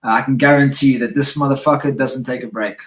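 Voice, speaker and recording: A man hosting a live-stream interview, talking with high energy and reading out viewer check-ins. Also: fast, reverberant, distant mic, rough recording. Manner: high-energy, excitable, reads out viewer comments. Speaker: interviewer, live show host.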